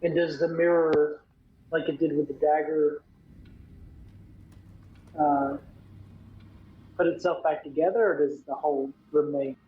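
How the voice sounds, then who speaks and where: A man's voice: fairly high pitch, steady tone, unhurried, long pauses. A man playing in a tabletop game, blunt and eager to act. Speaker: player. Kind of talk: casual tabletop role-play. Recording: dull lo-fi mic with faint noise.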